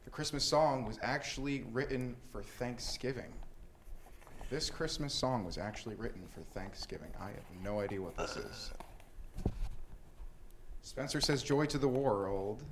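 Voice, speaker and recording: A man's voice: mid-range voice, animated, measured pace, noisy background. A man hosting a casual Christmas quiz game, upbeat and laughing often as he reads the questions. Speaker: host.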